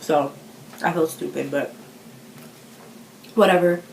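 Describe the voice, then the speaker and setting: Teen girl rambling to camera, low voice, roomy echo, little hiss. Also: slow, vocal fry. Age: teens. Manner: chatty, self-conscious, full of fillers. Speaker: vlogger. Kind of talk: casual chat.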